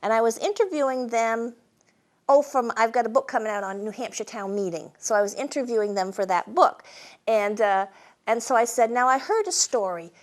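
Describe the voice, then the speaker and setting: A woman's voice: a little high, lively intonation, normal speed. A woman telling humorous stories to an audience in a folksy, wry, conversational way. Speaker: storyteller and humorist hosting a program. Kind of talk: live humorous storytelling to an audience.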